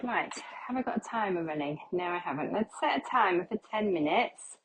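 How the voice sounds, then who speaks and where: Mopping her kitchen, a middle-aged woman who vlogs about cleaning talks in a lowish, animated voice at a brisk pace. She's a bit winded and stuffy, losing her voice, and chats in a self-deprecating way while thinking aloud. The audio is poor, with slight background noise.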